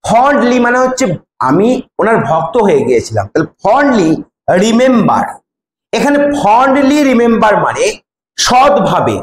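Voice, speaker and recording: A man's voice: high voice, reverberant, a little hiss or hum, poor audio. A man teaching a textbook lesson line by line. He repeats words and asks and answers his own questions. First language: Bengali.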